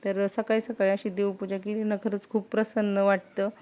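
A woman's voice: mid-range voice, level tone, normal speed, darkish tone. A woman vlogger and mother from Maharashtra, chatting casually as she explains her daily routine step by step. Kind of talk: casual home vlog narration.

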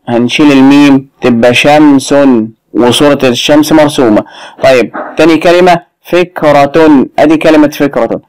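Male teacher with an Egyptian accent, patient and stepwise, mid-pitched voice, dry close recording. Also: a little mellow, no room sound. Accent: Egyptian Arabic. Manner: patient, explains step by step with questions. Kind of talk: recorded lesson walkthrough.

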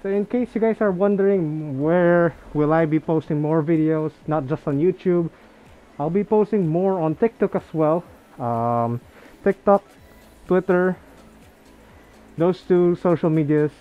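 A man's voice: on the high side, a little slow. A young man, chatting casually in a vlog while talking from inside a fursuit head, repeating words as he goes. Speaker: vlogger. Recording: dull lo-fi audio with faint music.

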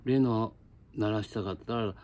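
Blunt, lower-pitched male teacher. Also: unhurried, dark tone, a little hiss or hum. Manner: blunt, colloquial, lecturing. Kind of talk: casual spoken lesson.

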